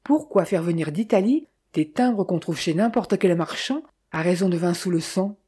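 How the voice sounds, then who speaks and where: Brief: woman reading a sly, mocking Italian man in a period detective tale; low, husky. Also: animated, moderate pace, mellow. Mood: dismissive. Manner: teasing, probing, slightly ironic. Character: mocking sharp-eyed Italian male motorist.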